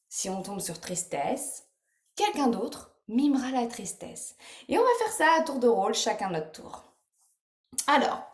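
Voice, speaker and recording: Woman, teacher, sing-song, animated, unhurried, echoey classroom-like room. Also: mid-range voice. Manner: animated, sing-song, acting out emotions for children. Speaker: French teacher. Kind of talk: teaching an emotions game to young children.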